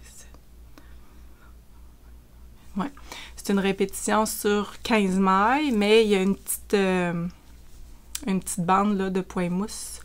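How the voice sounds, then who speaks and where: A woman with a Quebec French accent, casually chatting through a knitting vlog with frequent fillers. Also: medium pitch. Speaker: knitting vlogger. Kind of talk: casual show-and-tell chat.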